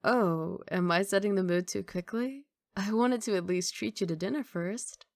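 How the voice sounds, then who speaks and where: A woman plays a confident, doting young mafia boss's girlfriend in an intimate ASMR romantic roleplay, teasing playfully in a one-sided conversation with an affectionate, assured mood. Her medium-pitched voice, close to everyday speech, moves at normal speed in clean studio sound with no room echo.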